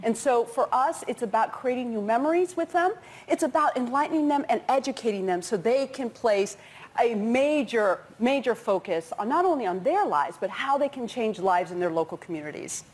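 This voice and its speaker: A woman's voice: on the high side, animated, normal speed. A woman representing an organization on a talk show, speaking earnestly about a campaign. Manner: earnest, promotional. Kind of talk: promotional talk show speech.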